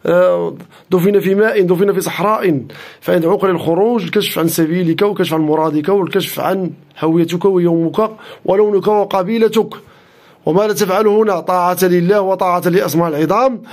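A man with a Moroccan Arabic accent recites a healing incantation as a traditional healer, repeating lines in a steady chanting rhythm. His voice sits high, and the words pour out at a breakneck pace. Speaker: Islamic healer.

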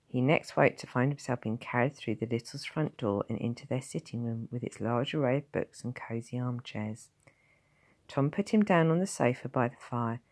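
A woman's voice: a bass voice, darkish tone. A woman teacher reading a novel aloud, narrating expressively and voicing each character. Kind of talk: storybook narration.

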